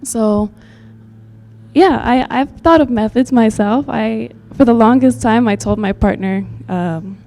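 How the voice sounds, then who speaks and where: A woman's voice: fairly high pitch, measured pace, gravelly, warm tone. A woman from Texas giving an earnest, rambling public comment at a community meeting, with many fillers. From Texas, USA.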